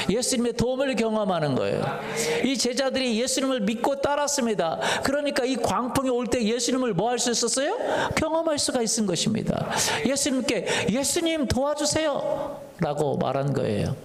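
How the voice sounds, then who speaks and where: A male pastor with a fairly high voice preaches a Sunday sermon, regularly firing questions at the congregation and slipping into a chatty personal story. His voice rings through a roomy church sanctuary, trailed by a long echo. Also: lively intonation, quick pace, hardly any pauses. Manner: tells a personal story conversationally. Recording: echoey church hall reverb.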